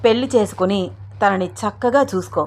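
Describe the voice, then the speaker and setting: A woman's voice: mid-range voice, fairly quick, a little mellow, natural voice. A woman voicing a stern, grieving older mother in a storybook reading, speaking firmly and with command. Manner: firm, commanding.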